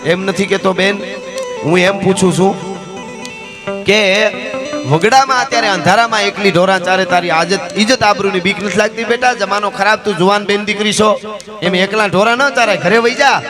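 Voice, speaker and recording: A man playing a noble outlaw chief, stern and fatherly, high voice, kathiawadi gujarati accent, folk tale. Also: moderate pace, music in the background, natural voice. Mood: concerned. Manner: earnest, fatherly admonishing.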